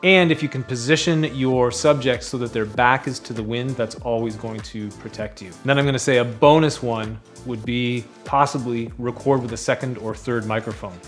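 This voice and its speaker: A man who works as a sound recordist explains mic technique in a calm, practical manner, agreeing easily with the host. His voice sits at a middle pitch for a man. Faint music plays under his talk. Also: moderate pace, hardly any pauses. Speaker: sound recordist guest expert.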